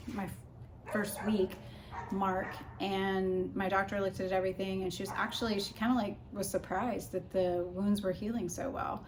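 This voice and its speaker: A woman vlogger chatting casually and informally as she explains practical tips. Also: mid-range voice. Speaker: vlogger giving a personal recovery update. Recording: clear background noise.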